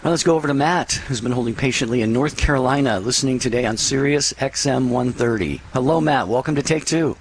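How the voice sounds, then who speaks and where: Male host, call-in radio, even voice, encouraging, faint noise. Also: medium pitch, fast, few pauses, rough recording. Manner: warm pastoral encouragement.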